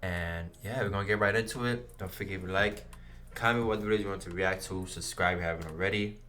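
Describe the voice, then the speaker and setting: A man's voice: deep voice, steady tone, fast talker, pushed and bright. A man hosting a reaction video in casual commentary, laid-back, slangy and repetitive.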